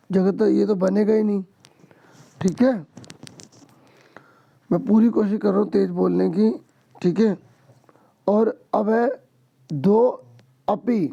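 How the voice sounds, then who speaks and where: A hoarse man teaches students through a practice paper, step by step, often pausing to check they follow. His voice is gravelly and dark, and the recording sounds dull and lo-fi. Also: sits high. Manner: explains step by step, keeps asking "ठीक है". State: hoarse, sore throat. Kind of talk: exam-prep lesson to students.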